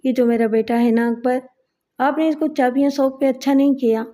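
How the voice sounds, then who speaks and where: A woman's voice: high voice, fairly even intonation, dark tone, lightly acted. A woman voicing a frail, dying old male servant in an audiobook reading, confiding in a pleading way.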